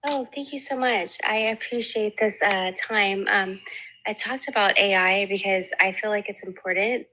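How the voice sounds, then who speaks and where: A woman's voice: mid-range voice, normal speed, noisy background. A woman calling into a live stream, polite and hesitant as she starts speaking. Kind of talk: casual call-in chat.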